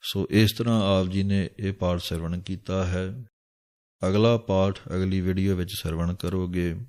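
A man teaching how to recite scripture, chanting each verse line slowly and then explaining how to pronounce it. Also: deep voice, fairly even intonation, darkish tone. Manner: slow chanted reading of verse lines between spoken explanations. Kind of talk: recitation lesson with pronunciation notes.

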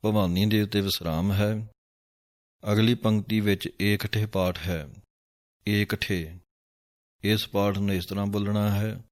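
Man, recitation teacher; steady low voice, flat and very slow, deliberate diction. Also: no echo, studio quality. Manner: measured, deliberate, carefully enunciated. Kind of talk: slow chanted recitation with spoken pronunciation notes.

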